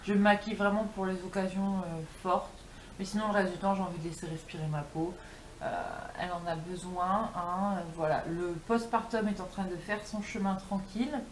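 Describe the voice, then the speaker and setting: A woman's voice: mid-range voice, fairly even intonation, normal speed. A young woman chatting casually and informally to her viewers, as a vlogger recording at home. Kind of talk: casual chat to camera. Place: indoors at home. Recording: roomy home echo, faint background noise.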